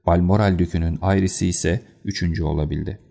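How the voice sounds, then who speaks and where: A man narrating an audiobook with a steady storytelling delivery. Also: deep voice, a little fast, creaky.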